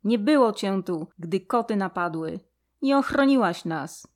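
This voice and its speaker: A woman voicing a young female mouse who shouts and sobs in a storybook reading. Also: mid-range voice, very animated, normal speed. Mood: sobbing, furious. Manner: tearful, shouting. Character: young female pink mouse, upset and confused.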